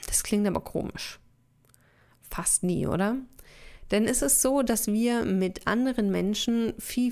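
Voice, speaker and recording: Woman podcast host, slightly gravelly voice, casual explainer into a studio mic. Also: mid-range voice, a little mellow. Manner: casual explanatory, conversational, with fillers. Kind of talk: solo podcast monologue. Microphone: studio microphone with headphones.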